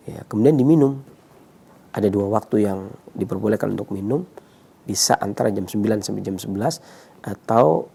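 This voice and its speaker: A man's voice: fairly low pitch, gravelly, warm tone, husky. A man giving explanatory health advice, repeating himself and often punctuating with a checking tag word. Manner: repetitive, checking with 'ya'. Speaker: herbal health consultant.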